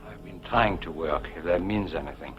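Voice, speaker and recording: A man's voice: low-pitched, normal speed, soft background music, natural voice. An actor playing a brooding, lovesick young man, earnest and melodramatic in 1950s television drama style. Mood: weary. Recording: muffled, hissy 1950s television soundtrack.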